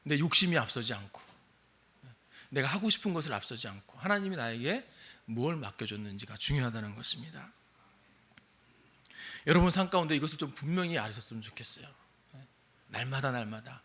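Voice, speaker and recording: A man's voice: medium pitch, lively intonation, brisk, pauses often, sharp tone, slightly rough. An older man, a missionary pastor, preaching a sermon and asking his congregation questions. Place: church sanctuary.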